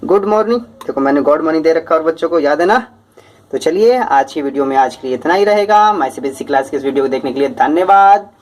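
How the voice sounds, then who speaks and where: Brisk, breathless teacher. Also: male voice. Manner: lively, talks fast, rises in pitch. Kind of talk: reading out viewer comments.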